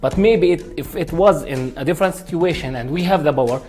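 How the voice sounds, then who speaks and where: A man's voice: fairly high pitch, fairly quick. A man from Palestine, an activist, speaking earnestly in simple phrases in a panel discussion. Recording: faint background music.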